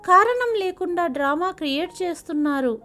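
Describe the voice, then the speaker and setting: A woman's voice: very high-pitched, expressive, normal speed, sharp tone, faint music behind, exaggerated voice. A woman voicing a defiant young man, a grown son who talks back sharply. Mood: angry.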